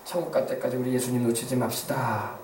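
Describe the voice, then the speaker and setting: A man pastor preaching a sermon, emphatic, swinging between hushed passages and loud exclamations. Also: mid-range voice, little pitch movement, fast, noisy background. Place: church sanctuary. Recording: echoey church sound from a distance.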